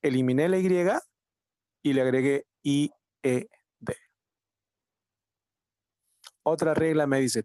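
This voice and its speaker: A man's voice: medium pitch, darkish tone, dry recording. A man teaching an online English class, explaining grammar patiently, repeating key points and asking questions he then answers.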